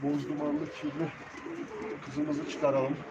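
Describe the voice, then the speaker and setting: A man's voice: fairly high pitch, monotone, slow. A man chatting casually and colloquially as he hosts a live bird auction stream, addressing viewers familiarly. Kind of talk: casual livestream chat, greeting viewers and showing birds. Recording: muffled, noisy, cooing pigeons behind. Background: pigeons cooing, birds.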